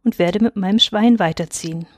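A woman voicing a calm, clever young shepherd boy in a read-aloud fairy tale, in a plain, steady manner. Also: medium pitch, a little fast, no room sound, studio quality, natural voice. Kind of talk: storybook reading.

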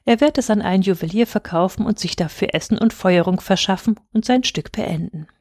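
A gentle, sorrowful statue prince, as a woman reads him. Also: mid-range voice, a little fast, no echo, clean studio sound, lightly acted. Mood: tender.

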